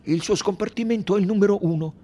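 A man's voice: sits high, fast talker, warm tone, slight background noise, voice pushed up, close to an everyday voice. A man voicing a polite, deferential middle-aged train conductor who stays politely evasive.

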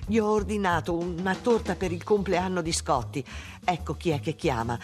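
Guy doing a grieving mom, higher pitched and strained, angry and broken, audiobook reading. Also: lively intonation, normal speed, faint music behind, lightly acted. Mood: furious. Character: grieving distraught mother, furious.

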